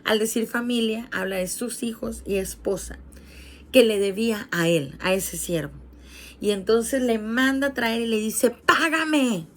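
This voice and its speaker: A woman's voice: a little high, measured pace, a little hiss or hum. A woman preaching a sermon, retelling a parable and reading scripture aloud, talking directly to viewers watching a video. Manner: earnest teaching, addresses viewers directly. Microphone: streamed video.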